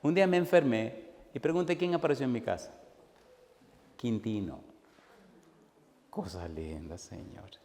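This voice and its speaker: A man's voice: medium pitch, a little slow, pauses often. Storytelling man preacher in a reverberant hall. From Caribbean Spanish-speaking country. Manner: animated storyteller acting out dialogue. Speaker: pastor. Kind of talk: sermon with storytelling. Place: church hall. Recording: long hall reverb, faint noise.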